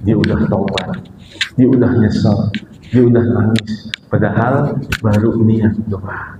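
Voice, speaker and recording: A man preaching a sermon, teaching slowly, reciting Arabic phrases and then explaining them with repetition. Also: fairly even intonation. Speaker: preacher teaching Quranic commentary. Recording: echoey hall, muffled lo-fi sound with faint rumble.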